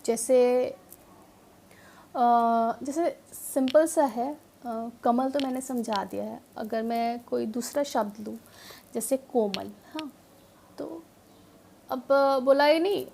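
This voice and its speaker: A woman educator giving an earnest explanatory talk to parents and teachers, often pausing on fillers and mixing English words into her speech. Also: high-pitched, vocal fry, warm tone. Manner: earnest, mixes English words into Hindi, frequent filler pauses.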